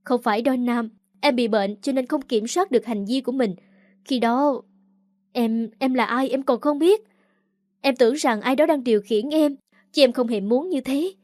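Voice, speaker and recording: A woman's voice: on the high side, moderate pace, darkish tone, dry recording, clean studio sound, natural voice. A woman reading a tearful, pleading young woman. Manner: sobbing, pleading.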